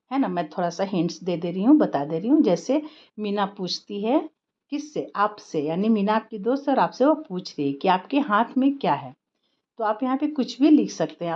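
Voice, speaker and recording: A woman teaching a children's lesson, speaking patiently and explaining step by step with questions to her pupils. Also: mid-range voice. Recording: slightly dull lo-fi recording.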